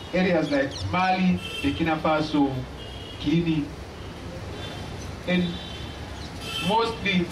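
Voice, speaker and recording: In a small indoor hall, a young man with a Zimbabwean accent teaches an audience about drumming, speaking slowly, plainly and kindly with frequent pauses. His pitch is fairly high. Recorded from a far camera despite a stand mic, the sound is distant, echoey and noisy.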